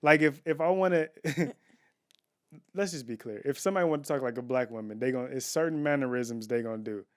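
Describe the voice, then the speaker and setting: A man in casual conversation on a home podcast, pressing his opinions with emphasis. His voice sits at an ordinary middle pitch. The sound is close and dry. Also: a little fast, clear, resonant tone, dry recording. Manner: opinionated, emphatic, restarts and fillers. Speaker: podcast co-host. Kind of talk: casual chat.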